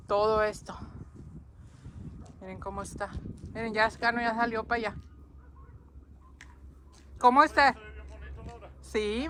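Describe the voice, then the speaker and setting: A woman's voice: medium pitch, slight background noise. A woman, chatting casually to her viewers while filming a snowy yard on her phone outdoors. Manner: chatty, addresses viewers constantly. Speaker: vlogger. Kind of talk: casual vlog walkthrough. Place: outdoors in deep snow.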